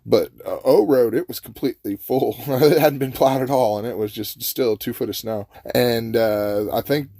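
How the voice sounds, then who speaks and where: Guy, folksy and chatty, mellow voice, dry sound, chuckles a lot. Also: mid-range voice, moderate pace, few pauses, no room sound. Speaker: storyteller. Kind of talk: casual storytelling.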